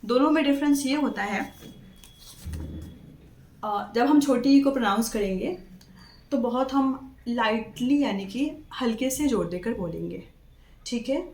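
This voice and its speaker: Woman teacher doing a kids letters lesson, slightly high voice, says each word twice, keeps checking in, echoey room. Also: lively intonation, unhurried, pauses often, a little mellow. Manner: patient, stresses each word, repeats and checks with "ठीक है". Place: classroom.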